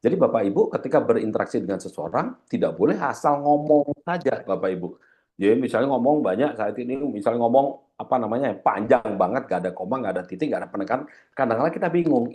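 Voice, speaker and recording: A man's voice: medium pitch, darkish tone. A man giving a training seminar lecture as a corporate trainer, often addressing his audience and repeating key points, his voice slightly heavy from a cough.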